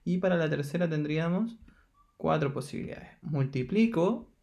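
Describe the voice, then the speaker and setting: Chilean male teacher with a gravelly voice. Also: fairly high pitch, animated, normal speed, a little mellow. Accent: Chilean Spanish. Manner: patient, steps through counting aloud with frequent "ya". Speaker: math teacher. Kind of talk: recorded lesson explaining exercises.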